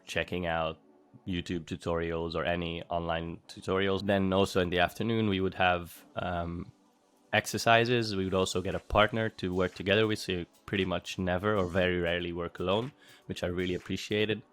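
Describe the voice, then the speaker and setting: A Hungarian man in his thirties, a former bootcamp student, answers interview questions casually and thoughtfully, with frequent fillers and restarts. His voice is low-pitched and fairly bright in tone, level and fairly quick.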